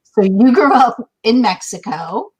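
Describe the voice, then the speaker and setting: A woman's voice: a little high, lively intonation, unhurried, a little mellow, breathy edge, rough recording. A woman in her fifties hosting a casual livestream chat, bubbly and effusive, with lots of fillers. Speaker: host.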